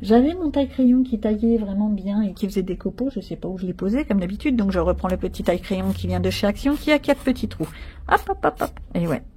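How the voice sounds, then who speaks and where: With slight background noise, a coloring channel host talks at a quick pace in a medium-pitched, slightly mellow voice. She colors a picture using pencils, thinking aloud and chatting casually with her audience.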